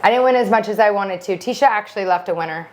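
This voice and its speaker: A woman's voice: medium pitch, fast, a little mellow. Woman podcast co-host, everyday mid-range voice, rambling filler-heavy chatter. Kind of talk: casual chat.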